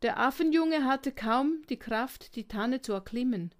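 Slow-reading woman storyteller. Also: sits high, animated. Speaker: narrator.

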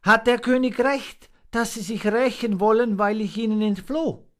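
A man reading a storybook aloud and voicing a small, brave young male monkey with a high, boyish voice and an eager, pleading manner. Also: steady tone, moderate pace, lightly acted. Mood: anxious.

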